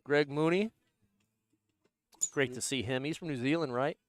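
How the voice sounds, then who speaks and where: A man co-commentating on a sporting event, terse and steady, reeling off scores and quick affirmations. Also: on the high side, a crowd in the background.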